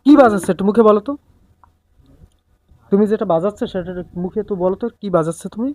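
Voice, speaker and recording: Female music teacher, patient coaching, chants drum syllables in rhythm, warm low tone. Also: quick pace, no echo. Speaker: tabla teacher. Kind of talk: music lesson instruction.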